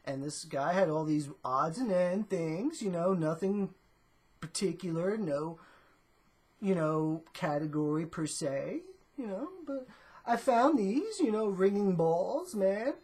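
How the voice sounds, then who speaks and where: A woman's voice: lowish voice, expressive, slow pace, darkish tone, husky. A woman rambling through a casual comedic vlog in a drawling, laid-back stoner-dude manner, tacking "man" onto her phrases and filling gaps with "you know" and "uh.". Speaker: vlogger.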